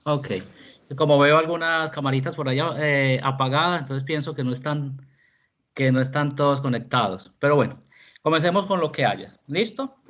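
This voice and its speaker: A male philosophy teacher giving an online class, his voice sitting a little high. He explains patiently and keeps checking that the students follow. The call audio is muffled and lo-fi. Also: normal speed, a bit bright. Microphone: video call.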